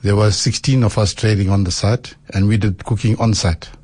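A man's voice: fairly low pitch, fairly even intonation, normal speed, a little mellow, slightly rough. Guy, restaurant owner chatting on radio, explains stuff plainly. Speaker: restaurant co-owner, interview guest. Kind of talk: informal radio interview.

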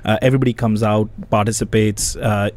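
A man's voice: on the low side, fairly even intonation, fairly quick, darkish tone. A man chatting casually as a guest in an interview, a performer by role.

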